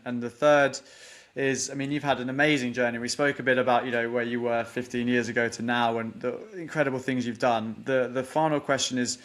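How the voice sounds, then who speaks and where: Man, podcast host, flat even delivery, earnest, repeats words. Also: medium pitch. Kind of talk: interview wrap-up, asking questions.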